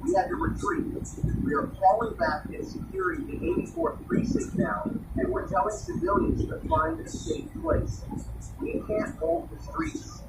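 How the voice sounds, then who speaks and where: A woman's voice: very high voice, normal speed. A woman playing a shaken veteran police detective in a radio drama, reporting in clipped, urgent short sentences. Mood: grim urgency. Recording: noisy, echoey, distant radio call.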